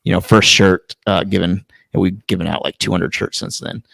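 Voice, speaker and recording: Gravelly low-voiced man rambling on a podcast. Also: steady tone, normal speed, a bit bright, no echo. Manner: rambling, swears freely. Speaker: podcast co-host. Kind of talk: casual chat.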